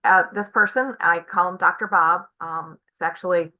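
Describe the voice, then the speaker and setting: An older woman giving halting testimony at a public meeting, with many fillers. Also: fairly low pitch, steady tone, sharp tone, low-quality recording. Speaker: former student testifying. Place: meeting room.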